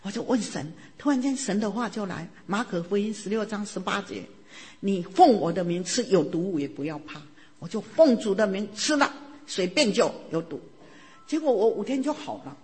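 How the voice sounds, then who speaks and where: A woman's voice: mid-range voice, expressive, moderate pace, darkish tone. Fervent woman preaching in a hall. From Taiwan. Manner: earnest, fervent preaching with tag particles. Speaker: church speaker giving testimony. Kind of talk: testimony sermon. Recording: long reverb of a large hall.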